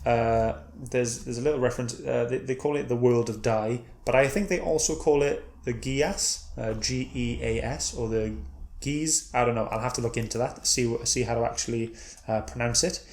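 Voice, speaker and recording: A man's voice: mid-range voice, steady tone, brisk, a little mellow. Rambling man in an echoey room. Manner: meandering, self-correcting retelling. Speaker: comic book reviewer. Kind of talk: casual read-and-review chat.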